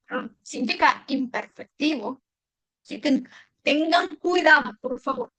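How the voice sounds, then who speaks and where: A woman teaching a language lesson, patient, repeating words slowly and clearly. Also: sits high, fairly bright tone, dry recording, rough recording.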